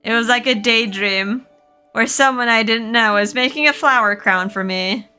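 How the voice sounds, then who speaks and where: A woman's voice: on the high side, normal speed, sharp tone, clear, resonant tone, soft background music. A woman voicing a dreamy young college student, reading game lines aloud in a wondering tone.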